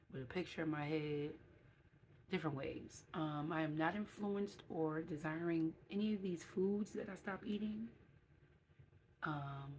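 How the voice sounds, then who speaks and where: A woman's voice: low voice, darkish tone, a little hiss or hum. A woman in her late thirties giving a casual vlog update, chatty and reading from her own notes with asides. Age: 30s. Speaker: vlogger.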